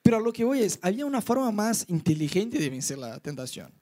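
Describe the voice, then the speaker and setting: Young Rioplatense preacher, expressive storyteller, wide-ranging lively delivery for a youth sermon. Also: male voice, fast. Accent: Rioplatense Spanish. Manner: lively storyteller, voices his own inner thoughts in high pitch. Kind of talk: animated sermon with acted-out anecdotes.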